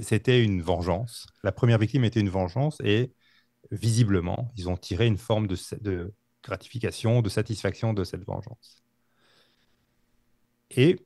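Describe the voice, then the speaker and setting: Man, podcast storyteller, low pitch, gravelly texture, halting delivery. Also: darkish tone, dry recording, studio quality. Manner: halting, many fillers and restarts. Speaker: podcast co-host telling a true-crime story. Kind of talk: casual storytelling.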